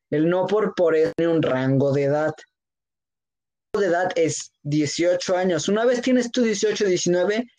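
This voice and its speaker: A man's voice: high voice, a little mellow. A young man with a Mexican accent, making emphatic points in slang in a casual chat. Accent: Mexican Spanish. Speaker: co-host.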